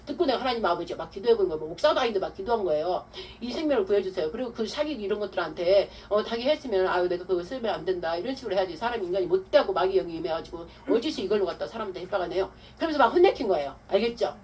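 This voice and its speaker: A woman pastor giving a testimony-style sermon, telling her story with animated, acted-out quotes. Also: medium pitch, very fast, few pauses. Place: church hall. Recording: distant mic with faint room noise.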